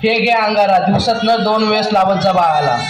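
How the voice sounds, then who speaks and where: A man's voice: high voice, fairly quick, close to an everyday voice. A man playing a greedy fake holy man. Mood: commanding. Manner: commanding, solemn. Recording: echoey room with crowd noise.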